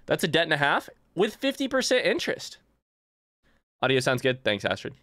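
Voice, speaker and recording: A man's voice: a little high, wildly swooping pitch, moderate pace, fairly bright tone, no echo, studio quality. A man chatting loosely while playing a video game, swearing freely and joking with his chat. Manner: loose and profane, jokey. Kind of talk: casual let's-play commentary. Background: game music.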